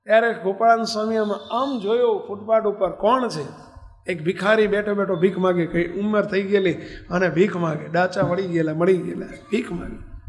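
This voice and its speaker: A man's voice: sits high, moderate pace. A male preacher telling a story in a sermon, asking rhetorical questions of his listeners. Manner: animated, rhetorical questions to the audience. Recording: long hall reverb.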